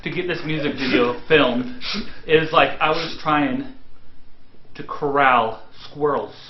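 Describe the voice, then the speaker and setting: A man's voice: fairly high pitch, slow, slight background noise. A man hosting a motorcycle channel, chatting in a joking, emphatic way. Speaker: show host. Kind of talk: casual chat. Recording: roomy, slightly dull sound.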